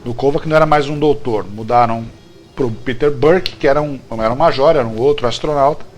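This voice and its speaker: A Brazilian man, a guest writer in a casual interview, animatedly tells stories from behind the scenes of a TV series, frequently repeating phrases and checking in with whoever's listening. His mid-range voice moves fairly quickly, with faint music behind him.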